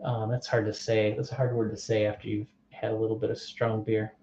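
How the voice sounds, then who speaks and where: A man chatting his way through a board game session, thinking aloud as he sorts out the rules and asks his viewers where to go next. His voice is mellow and relaxed. The recording is somewhat dull, and the room adds a noticeable echo. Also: on the low side, brisk, creaky, a little hiss or hum. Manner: thinks aloud, reads card text, asks unseen viewers. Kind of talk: casual play-through commentary. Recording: muffled, echoey room.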